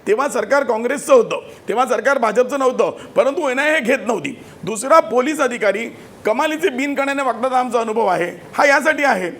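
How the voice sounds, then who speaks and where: High-pitched fast-talking man arguing hard. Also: a bit bright. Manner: combative, talks over others, accusing. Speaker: lawyer debating on a TV panel. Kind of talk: heated TV panel debate.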